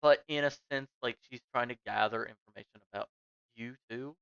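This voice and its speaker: Smooth-voiced game master, slightly muffled. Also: medium pitch, a little fast, fairly bright tone, no room sound. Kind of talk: casual tabletop game narration.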